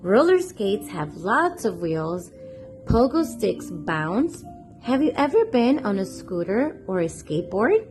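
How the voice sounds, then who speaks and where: Music accompanies a woman who hosts a children's read-aloud channel as she slowly and steadily reads a picture book to young kids. Her pitch moves in lively swings, her delivery is expressive, and she draws the children in with questions.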